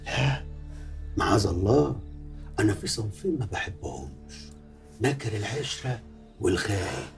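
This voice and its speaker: A smug hypocrite who talks like a preacher, Egyptian accent, gravelly voice, faint music behind. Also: male voice, fairly low pitch, big pitch swings, moderate pace. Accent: Egyptian Arabic. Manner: sanctimonious, menacing, full of religious phrases. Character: pious-talking, scheming middle-aged man, hypocrite. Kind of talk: film drama acting.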